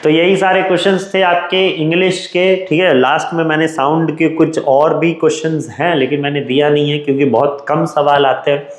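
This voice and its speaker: A man's voice: fairly high pitch, level tone, normal speed, hardly any pauses, roomy sound, rough recording. A man with an Indian English accent, teaching an exam revision lesson in a chatty, joking way.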